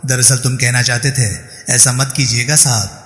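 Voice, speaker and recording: A man voicing a sharp-tongued male investigator who scolds and sweetly mocks, in a story reading. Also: medium pitch, level tone, moderate pace, natural voice. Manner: scornful, then sweetly condescending. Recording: roomy reverberant room, faint music.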